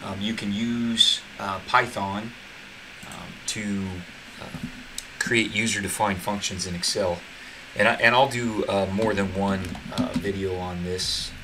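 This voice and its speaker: A man hosting a casual software tutorial, talking in a halting, relaxed way with lots of fillers and restarts. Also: fairly low pitch, noisy background. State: burping from tea. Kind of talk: casual screen-share tutorial.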